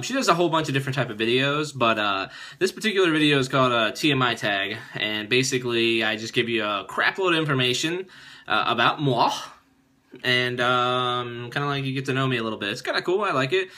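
A man's voice: mid-range voice, expressive, a little fast, bright, forceful tone. A young man casually vlogging, answering personal questions in a goofy, chatty, self-mocking way. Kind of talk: casual vlog Q&A.

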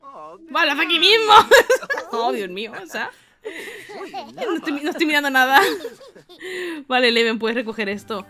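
Animated, bright-voiced Spanish woman gamer. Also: sits high, normal speed, long pauses. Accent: Spain Spanish. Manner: expressive, exclamatory, laughs often. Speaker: gaming youtuber. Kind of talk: casual let's play commentary.

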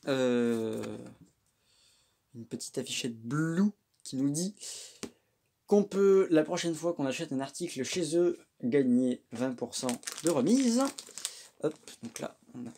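A man's voice: medium pitch, slow pace, slight background noise. A man chatting casually and joking at his own expense as he unboxes a microphone, recorded on a phone indoors. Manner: relaxed, chatty, self-mocking. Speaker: tech unboxing vlogger.

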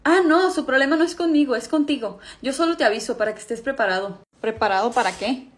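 A woman's voice: sits high, fast talker, lightly acted. Woman doing a laid-back dad. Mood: casual. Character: easygoing middle-aged Mexican dad, flirty.

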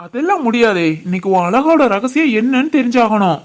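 A doting, playful village husband in a family cartoon, voiced by a woman who teases his wife. His voice sits a little high for a man. He speaks with a southern Tamil Nadu accent. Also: animated, fairly quick, close to an everyday voice. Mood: flirty. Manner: playful flirting. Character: doting middle-aged husband and father, playful.

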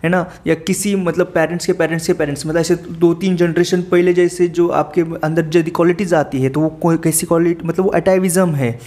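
A man's voice: on the high side, flat delivery, a little fast, hardly any pauses, darkish tone. A man teaching vocabulary and idioms in a casual Hindi lecture, spelling words letter by letter and often asking "है ना". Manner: explains idioms step by step, spells words letter by letter, asks rhetorical questions; frequent filler "है ना".

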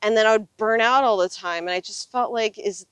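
A woman's voice: a little high, brisk, fairly bright tone, clean tone, no echo. A woman in her thirties speaking earnestly and reflectively in a casual interview, conversational in manner, recorded outdoors on a lapel mic. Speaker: interview guest, full-time RV traveler. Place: outdoors on open desert gravel lot. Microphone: clip-on lapel mic.

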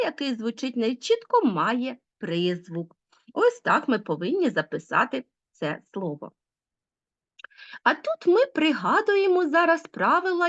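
Lively woman teacher, lo-fi sound. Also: on the high side. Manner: lively, explaining with rising emphasis. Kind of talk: online school lesson. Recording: dull lo-fi sound.

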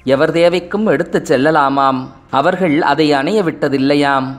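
A man narrating an audiobook novel in a measured, poetic delivery. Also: a little high.

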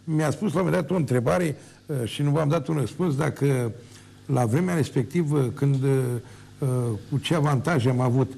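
A man's voice: a little high, vocal fry, mellow, slightly rough. An older man, a former mayor, ranting emphatically on his own TV show, repeating words for force. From Romania. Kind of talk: heated televised monologue.

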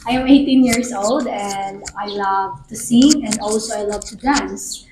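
A woman's voice: mid-range voice, a little slow, darkish tone, roomy sound, a little hiss or hum, low-quality recording. A woman of eighteen with a Filipino accent, giving brief, shy interview answers. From Philippines. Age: late teens. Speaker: interviewee, pageant contestant.

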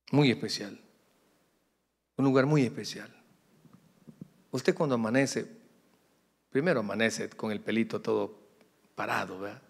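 Middle-aged pastor preaching in a hall. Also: male voice, mid-range voice. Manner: conversational preaching with humorous asides to the congregation. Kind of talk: sermon. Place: church sanctuary.

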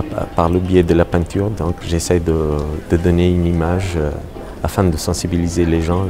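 A middle-aged painter from Afghanistan speaking with an Afghan accent, halting with many fillers and restarts, in an on-camera interview in a gallery. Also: male voice, low voice. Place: art gallery hall. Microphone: lapel mic.

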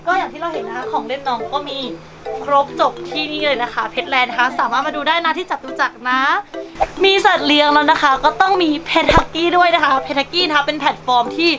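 A woman's voice: high-pitched, brisk. A woman presenting a pet shop video in a playful, gushing, cutesy manner, switching between sales talk and baby talk. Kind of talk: bubbly pet showcase vlog with sales talk. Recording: music laid behind the voice. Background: background music.

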